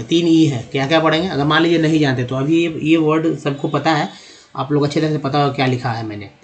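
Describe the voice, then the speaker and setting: Male tutor, slightly raised pitch, patient explainer who spells words aloud and quizzes viewers. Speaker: English teacher. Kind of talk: spoken lesson, explaining pronunciation.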